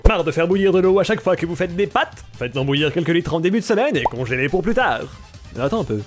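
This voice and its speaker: A man doing comedic voice-overs of translated memes, switching quickly between joke voices. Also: fairly high pitch, soft background music. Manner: fast, animated, jumping between joke voices. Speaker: meme dubber. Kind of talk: comedic meme voice-over.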